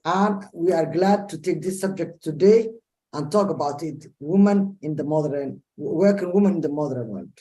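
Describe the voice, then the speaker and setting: A woman from Somalia introducing herself haltingly on a video call as a guest speaker. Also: low-pitched, animated, mellow. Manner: halting, with restarts. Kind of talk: self-introduction.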